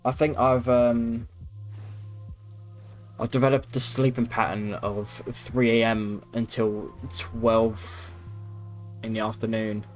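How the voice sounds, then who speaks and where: A young man chats loosely on a game livestream. He rambles and swears casually in a mid-pitched voice, with faint music behind him. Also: little pitch movement, slow pace, pauses often. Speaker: game streamer. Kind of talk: casual livestream gaming chat. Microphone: streaming microphone at a PC.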